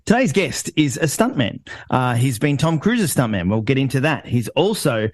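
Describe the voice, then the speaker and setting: A man's voice: medium pitch, big pitch swings, normal speed, no room sound. Australian man hosting, close dry sound. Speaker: interview host. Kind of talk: casual interview chat.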